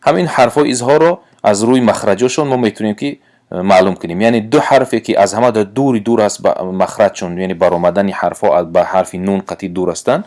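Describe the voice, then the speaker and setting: A man with a Tajik accent gives a recitation lesson in a lowish voice. He speaks patiently and haltingly, with frequent filler pauses. He sounds out each letter slowly for his students. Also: darkish tone. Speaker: Quran recitation teacher. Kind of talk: tajwid lesson.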